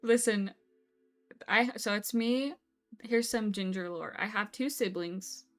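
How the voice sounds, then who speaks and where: A bubbly young woman live-streams while playing, chatting casually and exclaiming often. Her mid-range voice takes it slowly, and faint music plays behind her.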